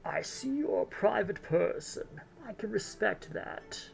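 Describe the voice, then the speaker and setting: A streamer voicing a gracious, knowing elderly tea house owner in a put-on grandma voice, speaking slowly and deliberately. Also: medium pitch, lively intonation, creaky, faint music behind, pitched above the performer's own voice. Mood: knowing, grave. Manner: slow, drawn-out, deliberate.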